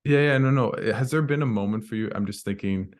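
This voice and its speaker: A man hosting a podcast interview who asks casual questions and keeps affirming his guest with quick yeahs. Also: fairly low pitch. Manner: friendly, affirming, frequent "yeah" and backchannels. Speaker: podcast host.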